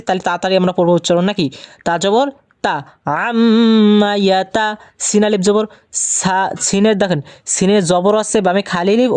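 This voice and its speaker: A man teaching Quran reading, patiently asking questions and answering them himself, and slowing to a drawn-out chant when he recites verses. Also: sits high, a little mellow, no echo. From Bangladesh. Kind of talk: recorded Quran recitation lesson.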